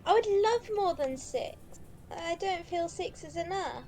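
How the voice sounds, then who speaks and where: A woman's voice: very high-pitched, lively intonation, a little slow. A woman playing a tabletop game, talking in a playful, giggly way. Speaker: player. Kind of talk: tabletop role-play.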